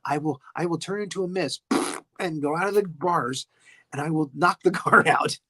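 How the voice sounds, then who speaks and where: A podcaster doing a hushed scheming vampire woman. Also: medium pitch, normal speed. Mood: urgent. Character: young woman vampire luring her lover.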